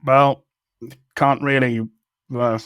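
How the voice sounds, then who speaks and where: A man's voice: medium pitch, little pitch movement, takes it slowly, fairly bright tone, clear, resonant tone, no echo. A man co-hosting a tech podcast, chatting casually in a rambling way, with restarts and the odd swear word. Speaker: podcast co-host. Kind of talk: casual chat.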